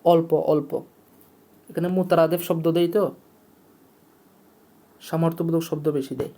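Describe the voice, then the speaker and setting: A teacher explaining vocabulary in a lesson, repeating each word and its meaning over and over. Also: male voice, on the high side, fairly even intonation, moderate pace, warm tone. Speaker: Urdu teacher.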